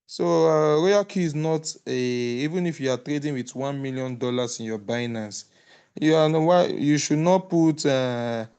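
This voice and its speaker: A male call moderator brings a casual group call to a close with earnest advice in his closing remarks. He speaks hesitantly, pausing on "uh" and restarting sentences. His mid-range voice is smooth, resonant and a little mellow.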